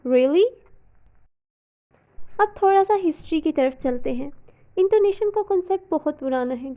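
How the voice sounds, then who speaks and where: A woman's voice: high voice, mellow, lo-fi sound. A woman teaching in Hindi, narrating a scripted lesson and mixing English terms into her explanations.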